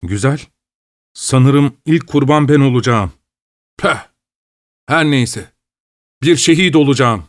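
A man's voice: mid-range voice, animated, slow, long pauses, no echo, studio quality. A man voicing a vain, fanatical male anarchist who speaks in theatrical declarations, in a storybook reading. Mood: grim. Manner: theatrical, self-pitying declarations.

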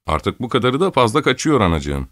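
A man's voice: mid-range voice, big pitch swings, brisk, fairly bright tone, no echo, studio quality, voice pushed up. A man voicing an imperious, fussy old countess who scolds and orders people about in an audiobook. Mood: scolding. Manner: scolding, peevish, bossy. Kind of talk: audiobook character voice.

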